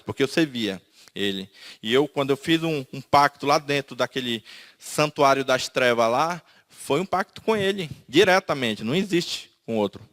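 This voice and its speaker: A man from Manaus with a Brazilian Portuguese accent gives an emotional personal testimony, telling it as a story and acting out the quoted dialogue. His voice is a little high, with a fairly bright tone.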